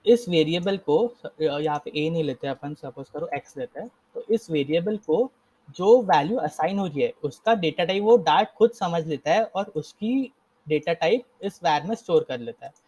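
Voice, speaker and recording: A man's voice: fairly high pitch, expressive, normal speed, dark tone, husky, lo-fi sound. A young man casually teaching a live coding lesson, explaining step by step and often correcting himself. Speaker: coding instructor.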